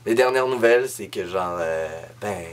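A young man with a Québécois French accent telling a comic story as a monologue, jumping into high voices when he imitates people. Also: normal speed, clear, resonant tone. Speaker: comedic storyteller.

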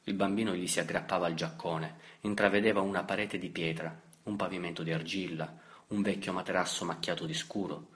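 A man reading a novel aloud as an audiobook narrator, in a measured, steady way. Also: low voice. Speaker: audiobook reader. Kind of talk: scripted literary narration.

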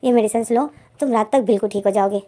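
A woman's voice: medium pitch, fast, dark tone, lightly acted. A woman voicing a confident, teasing young man in a storybook reading, bossy and playful toward his partner.

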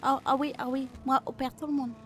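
Woman putting on a high chirpy foreign medic. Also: level tone, fairly quick, lightly acted. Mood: babbling. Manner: broken pidgin speech, repeats herself. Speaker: streamer role-playing a medic. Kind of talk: in-character game role-play.

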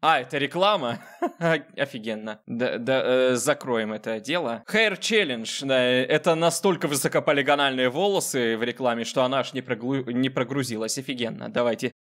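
A man's voice: mid-range voice, moderate pace, a bit bright. A man hosting a gaming video with casual joking commentary, sarcastic and talking directly to the game character.

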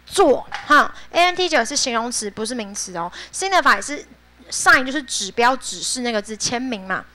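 Bright, high-voiced teacher. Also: female voice, expressive, moderate pace, a little hiss or hum. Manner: chatty and playful, laughs often, drills pronunciation. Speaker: high school English teacher. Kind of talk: classroom vocabulary lesson.

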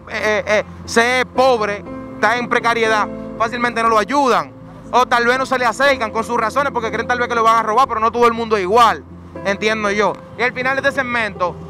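A man runs a street interview with a handheld mic, pressing with one quick question after another. His voice sits very high. Music plays loudly under him outdoors. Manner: pushy, rapid-fire questions. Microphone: handheld microphone.

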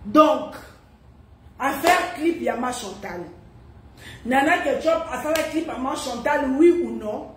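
A woman with a high voice speaks slowly and animatedly, breaking into exclamations as she addresses her viewers. Her voice rings in a roomy space with faint noise in the background. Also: distant mic. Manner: animated, exclaiming, switching between two languages. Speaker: online commentator. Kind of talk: casual monologue to camera.

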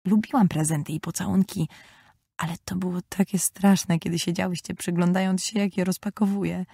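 A woman voicing a shy, gentle thirteen-year-old girl who speaks quietly. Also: fairly low pitch, steady tone, brisk, gravelly, husky, dry recording. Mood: timid. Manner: quiet, soft-spoken.

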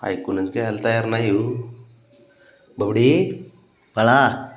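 A man's voice: on the low side, slow pace, roomy sound. A man talking to his cat in a coaxing, pleading way, like baby talk. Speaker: cat owner. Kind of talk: casual talk to a pet.

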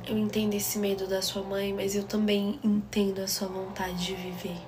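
A young woman quoting her middle-aged father, who speaks softly and tenderly while in tears. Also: medium pitch, little pitch movement, normal speed, music in the background, lightly acted. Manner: soft, pleading, tender.

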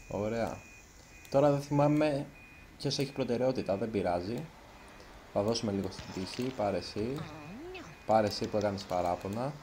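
A man's voice: on the low side, darkish tone, a little hiss or hum. A man giving let's play commentary as a gaming YouTuber, chatty and nervous, tripping over his words now and then. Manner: chatty, self-conscious, trips over words.

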